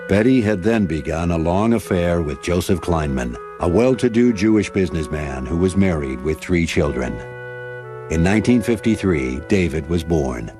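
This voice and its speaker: Deep-voiced male documentary narrator. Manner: measured, grave storytelling. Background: music bed.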